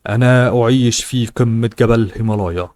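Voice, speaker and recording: A man voicing a calm, proud young hero in an audiobook. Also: medium pitch, brisk, lightly acted.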